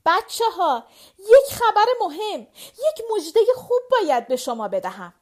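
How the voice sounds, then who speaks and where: A woman reading an audiobook, voicing an emotional middle-aged mother whose voice trembles, high and loud. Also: expressive. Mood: overjoyed.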